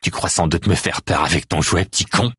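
A man's voice: low-pitched, a little fast, a bit bright, husky, no room sound, studio quality, exaggerated voice. A man doing a sneering, crude brute of a thug. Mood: sneering menace. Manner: sneering, spitting insults. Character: brutal crude male thug with trident.

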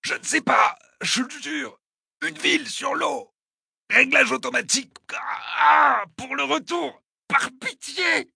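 A man voicing a badly wounded male thug who gasps in pain, begs for mercy and cries out in high, strained shouts. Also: takes it slowly, vocal fry, no echo, studio quality, heavily acted. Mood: begging, agonized. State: out of breath, in pain.

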